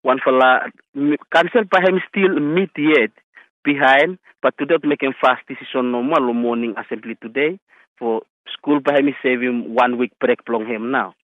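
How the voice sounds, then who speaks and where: A man's voice: medium pitch, normal speed, no room sound. A man with a Solomon Islands accent speaking Solomon Islands Pidgin as an interviewee in a radio news interview. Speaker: school health committee chairman being interviewed. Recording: tinny phone-like radio line.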